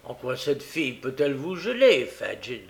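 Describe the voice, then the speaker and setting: A man's voice: mid-range voice, very animated, moderate pace, creaky. A male audiobook reader playing a brutal, threatening adult burglar who blusters and menaces. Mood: impatient. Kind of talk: audiobook character reading.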